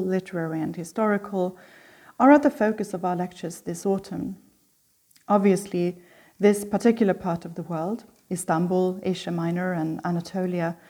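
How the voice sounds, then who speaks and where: She is a middle-aged woman from Sweden, hosting a lecture series and reading its prepared opening lecture. Her mid-range voice is creaky and dark, and her reading is measured and reflective.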